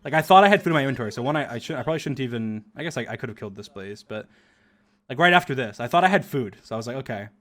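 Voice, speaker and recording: A man's voice: medium pitch, expressive, very fast, a bit bright. Chatty young man laughing through commentary. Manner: rambling, laughing, lots of "like" fillers. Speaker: streamer reviewing his own video. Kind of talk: casual commentary over gameplay.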